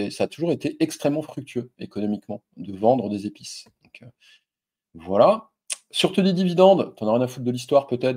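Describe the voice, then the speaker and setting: A man's voice: lowish voice, dark tone, breathy edge. A man hosting an investing video, talking casually and directly to the viewer with lots of fillers and crude slang. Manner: loose and chatty, frequent fillers and crude slang; addresses viewer directly and informally. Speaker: stock investing video host. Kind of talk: casual screen-share investing explainer.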